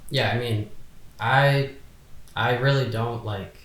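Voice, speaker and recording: A man's voice: medium pitch, fairly even intonation, slow pace, fairly bright tone, echoey room. A man in his twenties, a podcast guest talking casually and hesitantly, full of fillers and restarts. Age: 20s. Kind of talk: casual chat.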